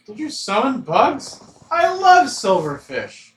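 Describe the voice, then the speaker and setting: A man's voice: very high voice, huge pitch swings, takes it slowly, recorded from a distance. A man casually reacting and commenting as he plays through a game. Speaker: game streamer. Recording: echoey room, faint game music.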